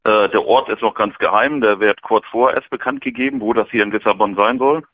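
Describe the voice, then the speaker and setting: Lower-voiced man calling in over the phone. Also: a little fast, no echo. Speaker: caller. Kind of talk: casual chat. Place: hotel room. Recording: tinny phone line.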